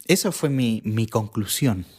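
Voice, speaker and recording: A man's voice: fairly low pitch, lively intonation, measured pace, a little mellow, slightly rough. A man from Chile, a podcast guest, telling a personal testimony in casual conversation, earnest and reflective, often restarting his sentences.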